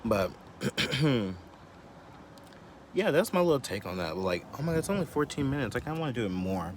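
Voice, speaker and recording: A man's voice: medium pitch, sing-song, a little hiss or hum. A man in his twenties vlogging from a parked car, chatting casually and ranting with lots of fillers and swearing. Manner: profane, filler-heavy, quick to anger. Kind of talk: casual vlog rant.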